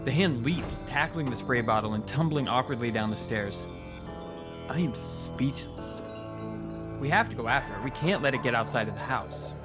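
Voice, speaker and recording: Guy reading a scary story in first person, dramatic pauses, medium pitch, music behind him. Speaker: horror story narrator.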